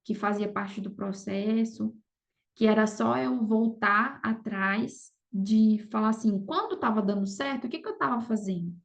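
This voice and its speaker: With dull audio, a woman's medium-pitched, creaky voice comes through a little slowly. She is a Brazilian affiliate marketer talking casually as a podcast guest, her sentences often carrying the check-in tags "sabe" and "entendeu."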